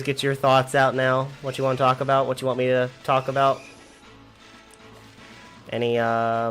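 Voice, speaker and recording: A man's voice: mid-range voice, fairly bright tone. Man, 20s, livestreamer, casual rambling chat, laughs a lot, faint background music. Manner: rambling, chatty, laughs often while reading chat.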